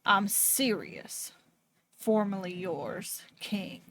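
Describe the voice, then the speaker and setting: A woman's voice: medium pitch, drawn-out words, very noisy. A woman voicing a scornful villain's cruel farewell letter in a sneering, mocking tone.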